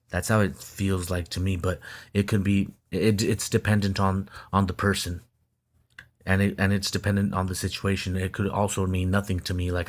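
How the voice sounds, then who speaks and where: Reading a text and commenting on it, a Mexican American video blogger with Spanish as his first language speaks in a flat, low voice. He often halts, says words twice, and starts over.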